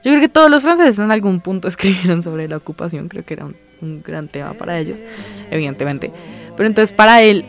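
A woman co-hosting a casual talk show, explaining ideas at length with many fillers and hedges. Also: lowish voice. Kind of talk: casual literary discussion.

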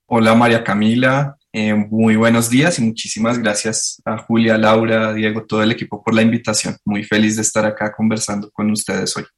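A man's voice: fairly low pitch, flat delivery, a little fast, hardly any pauses. A man, a history professor, answering interview questions in a thoughtful, hesitant way.

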